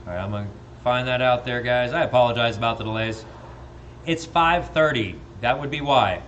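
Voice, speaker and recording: Male auctioneer on a live stream; steady repeated bid chant, friendly asides, light noise underneath. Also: mid-range voice, fairly quick, muffled recording.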